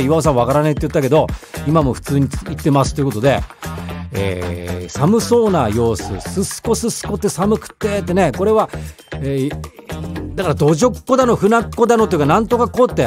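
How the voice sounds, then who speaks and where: A man's voice: a little high, a little mellow. A man in his sixties from Yamagata, hosting a radio show and chatting casually through listener letters, dropping into Yamagata dialect. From Yamagata, Japan. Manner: chatty, playful, drops into dialect phrases. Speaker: radio host.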